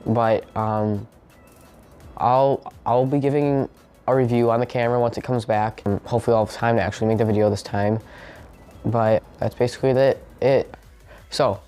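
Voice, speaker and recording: A young man talking casually to his viewers in a halting, informal way, recorded on a phone. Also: medium pitch, steady tone, a little mellow, smooth, soft background music. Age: young adult. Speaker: vlogger. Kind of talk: casual vlog talk.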